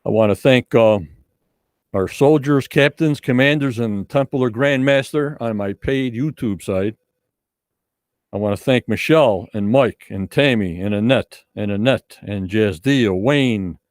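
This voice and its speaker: A man hosts a casual live podcast in a mid-pitched voice. The sound is dry and close, with little room in it. He addresses viewers directly and tends to repeat himself. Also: a little mellow, no echo. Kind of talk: casual livestream chat with viewers.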